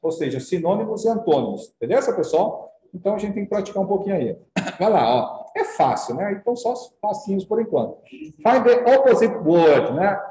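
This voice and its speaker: A Brazilian Portuguese-speaking man teaching English vocabulary, checking in with his students after each point and slowly sounding out the English words. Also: sits high, big pitch swings, warm tone, roomy sound, low-quality recording. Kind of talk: classroom lesson.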